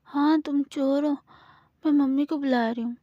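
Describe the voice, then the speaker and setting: A jittery young village girl in a high, dark-toned voice, rattling off nervous accusations, as a woman reading the story puts her on. The recording is dry and a little dull. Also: steady tone, no echo, close to an everyday voice. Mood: accusing. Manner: rapid, anxious, accusing chatter. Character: scared, chattering young village girl Gauri.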